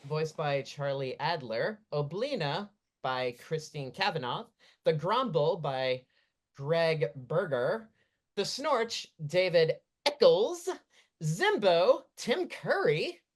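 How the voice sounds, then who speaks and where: A woman in her thirties hosting a casual studio podcast, laid-back and trailing off softly. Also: sits low, lively intonation, slow. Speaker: podcast host. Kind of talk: casual chat.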